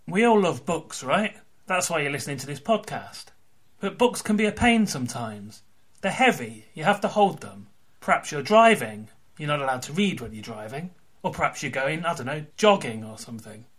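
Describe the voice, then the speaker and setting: A man's voice: a little high, sing-song, moderate pace, a bit bright, slightly rough. A man hosting a podcast, chatty and wry in an informal way. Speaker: podcast host. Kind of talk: conversational podcast interview with ad read.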